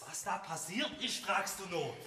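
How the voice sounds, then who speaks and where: An actor with a Swabian accent playing an excitable, jealous man in a stage folk comedy. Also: sits high, moderate pace, slight background noise. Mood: raging. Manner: agitated, ranting, theatrical outbursts. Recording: roomy stage sound from a distance.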